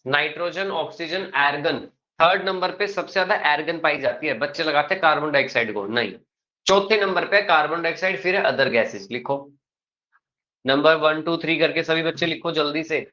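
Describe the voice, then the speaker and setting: A male teacher lectures a class at an unhurried, even pace and keeps stopping to check that the students follow. His voice is bright and forward. The classroom recording is muffled and lo-fi. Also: a little high.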